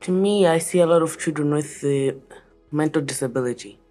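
Low-voiced teenage girl from Malawi. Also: fairly quick, dark tone, soft background music. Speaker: child guest. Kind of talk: interview answers.

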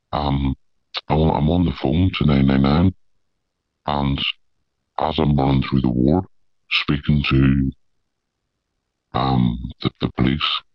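A man, his voice disguised and pitched very deep, telling his story in an interview, halting with many fillers and restarts. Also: no echo, highs cut off. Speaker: amateur paedophile hunter.

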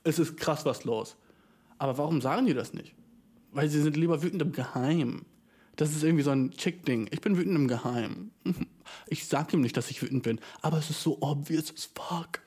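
A young man ranting casually and comically, full of slang and swearing, with English words mixed in and big jumps in pitch for emphasis. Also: fairly quick, a little mellow, breathy edge. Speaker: vlogger ranting to camera. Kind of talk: casual comedic rant.

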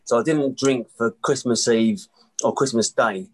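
A man from Essex with an Essex accent speaks as a podcast guest. His voice sits at an ordinary middle pitch, and he tells personal stories in a casual, conversational way. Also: unhurried, slightly rough. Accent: Essex English. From Essex, England.

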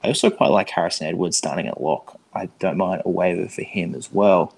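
A man's voice: deep voice, fairly quick, gravelly, a little mellow, husky. A man co-hosting a podcast in casual, laid-back, matey sports chat. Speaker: podcast co-host.

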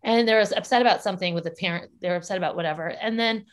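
A woman's voice: lowish voice, very fast. A woman talking casually as an interview guest about her work with parents and children, upbeat and laughing often as she speaks. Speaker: guest, parenting educator and school founder.

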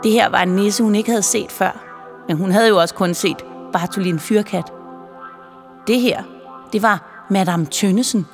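A woman narrating a children's Christmas story in a lively, playful storytelling manner. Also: medium pitch. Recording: reverberant with faint music.

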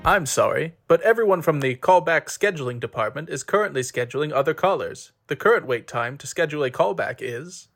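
A man voicing a polite, deadpan automated phone line that is secretly answering back. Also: a little high, a little fast, vocal fry, few pauses, soft background music, exaggerated voice. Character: smug automated phone menu voice, male.

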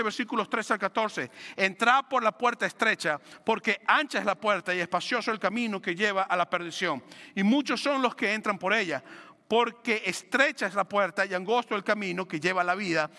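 A pastor delivers a dramatic sermon in a high, bright voice, rising to ringing declarations and then dropping to a soft hush. The sound carries the long reverb of a large hall. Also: male voice. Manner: preaching with dramatic swings from loud to hushed, acting out voices.

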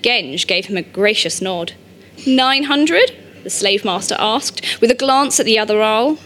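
A woman reading an audiobook, narrating in a measured, steady storytelling manner. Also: mid-range voice.

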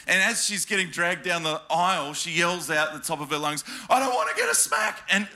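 An Australian pastor in a church hall gives a sermon of personal stories, emphatic and joking, often questioning the congregation. His voice is a little high and a little fast, with background noise present.

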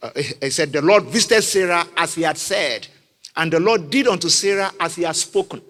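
A man's voice: on the high side, expressive, a little fast, a bit bright. A man preaching a sermon in a large church hall, repeating his key phrases emphatically and calling the congregation to respond. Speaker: pastor. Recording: echoey hall with faint music.

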